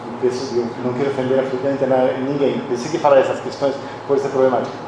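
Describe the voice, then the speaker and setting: A middle-aged Argentine philosophy professor, a native Spanish speaker, races through a personal, reflective academic lecture at a university conference, often restarting his phrases. His voice is medium-pitched with little pitch movement, heard from a distance in a very echoey hall with audible background noise.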